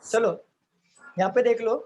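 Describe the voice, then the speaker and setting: A man with an extremely high, steady, mellow voice and measured pace teaches a live online reasoning class. He goes step by step, keeps testing his students, and mixes English into Hindi. Sound from the lecture stream is dull, lo-fi, and faintly noisy.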